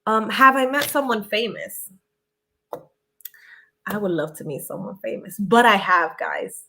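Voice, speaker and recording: With an expressive, sharp-toned mid-range voice, a little slow and full of vocal fry, this young woman from Connecticut answers viewer questions during a live stream. Her first language was Spanish, and she's chatty, laughing often as she reads comments aloud.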